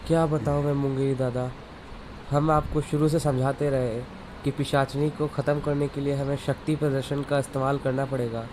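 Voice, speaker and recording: A man's voice: mid-range voice, flat delivery, moderate pace, close to an everyday voice. Frustrated young villager, played by a man, cartoon; aggrieved complaints over audible noise. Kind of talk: animated cartoon voice acting. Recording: background noise throughout.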